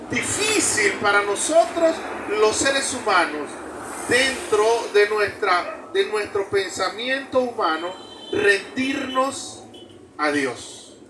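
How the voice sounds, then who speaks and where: Male preacher, high-pitched, storytelling sermon, noisy background. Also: expressive. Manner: slow storytelling with repetitions. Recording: distant mic with background noise.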